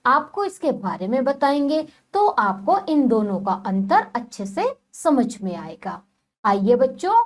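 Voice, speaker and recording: A woman's voice: high-pitched, a little mellow. A woman teaching a children's lesson, talking to the children directly in a sing-song way and spelling words out sound by sound. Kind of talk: children's Hindi lesson on vowel signs.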